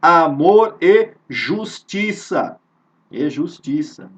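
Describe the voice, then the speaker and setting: A Brazilian man with a slightly high, expressive voice leads a spiritist study in informal devotional teaching, speaking earnestly in Brazilian Portuguese. He repeats phrases, poses rhetorical questions, and stretches out key words for emphasis. The video call audio is dull and lo-fi, picked up from a distance.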